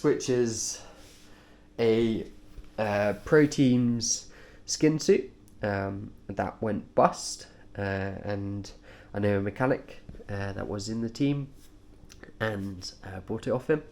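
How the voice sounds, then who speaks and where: A cyclist presents his race kit in an informal vlog, speaking very slowly in a fairly low, darkish, nasal voice thick with a cold. His phrases are short and halting, casual and offhand.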